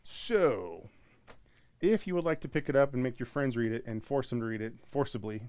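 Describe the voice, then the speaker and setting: A man's voice: medium pitch, lively intonation, moderate pace, a little mellow, clean tone, no echo. A tired man co-hosting a live stream comic sale, chatting casually and joking around, laughing often. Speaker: co-host selling comics.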